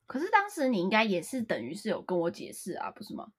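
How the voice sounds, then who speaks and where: A young woman co-hosting a casual podcast, telling a personal story with animated emotion. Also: medium pitch, fast, breathy edge. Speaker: podcast co-host.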